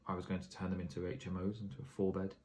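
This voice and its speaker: A man's voice: low voice, monotone, racing, mellow, a little hiss or hum. A tired man giving a casual vlog update on his property investing, rambling with plenty of fillers and self-corrections. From England.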